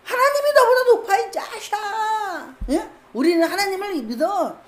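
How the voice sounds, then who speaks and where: A woman voicing a defiant midwife who shouts insults back at a king. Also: very high voice, lively intonation, moderate pace, echoey room, pitched above the performer's own voice. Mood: defiant scolding. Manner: shouting, scolding, coarse insults.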